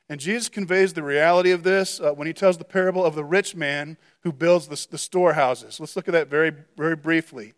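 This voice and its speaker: A man preaching a sermon as pastor, earnest, often stumbling over repeated words as he restarts a phrase. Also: fairly high pitch. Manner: earnest, with frequent stammered restarts.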